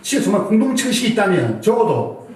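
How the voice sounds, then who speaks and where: A man's voice: sits high, sing-song, fast talker, darkish tone, a little hiss or hum. A man in his forties preaching a Sunday sermon in a church hall, telling a family story and acting out his own angry scolding. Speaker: pastor. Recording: echoey hall from far off.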